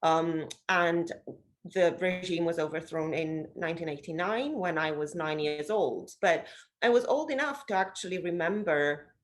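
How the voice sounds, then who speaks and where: A woman in her forties, originally from Romania, answers interview questions in a fairly low voice. She thinks aloud, pausing often with fillers and restarting her sentences. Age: 40s. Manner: hesitant, many fillers and restarts. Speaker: interview guest, social investor. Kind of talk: thoughtful conversational interview.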